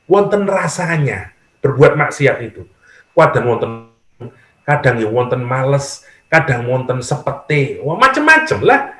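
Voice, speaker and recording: A middle-aged male preacher with a Javanese accent, speaking at a medium pitch in a casual teaching tone. He slips into acted-out voices of praying worshippers and breaks in with humor. The sound is roomy, with a clear echo around him. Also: unhurried. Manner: lively, acts out worshippers' prayers, mixes in humor. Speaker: Islamic preacher. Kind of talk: conversational religious lecture. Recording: echoey room.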